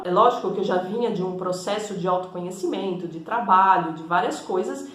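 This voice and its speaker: Woman, fairly high voice, explanatory teaching talk, echoey room. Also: fairly bright tone. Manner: explanatory, conversational, frequent tag questions. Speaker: energy and spiritual therapist. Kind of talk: teaching monologue to camera.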